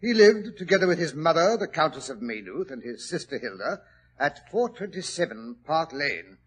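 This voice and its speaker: A man playing Doctor Watson, a genial British gentleman telling a detective story on a 1940s radio drama. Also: on the high side, big pitch swings, normal speed, husky, heavily acted. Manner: chatty, chuckling, mildly pompous British gentleman. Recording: old radio broadcast recording.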